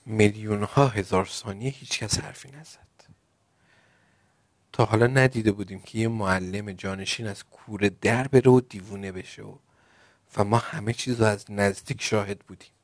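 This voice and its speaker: A man's voice: fairly low pitch, long pauses, no room sound. Man reading a children's story in Persian. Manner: lively first-person storytelling, playful. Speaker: narrator.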